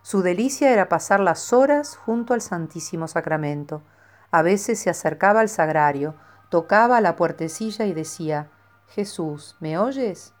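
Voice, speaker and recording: A woman with a slightly low voice narrates a saint's life from a script as a devotional reading, keeping a calm, measured delivery.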